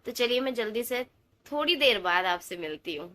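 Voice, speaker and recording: Young woman, new mom vlogger, hoarse sore throat, fairly high voice, tired casual chat, English words mixed in. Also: animated, normal speed, sharp tone. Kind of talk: casual vlog chat to camera. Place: at home.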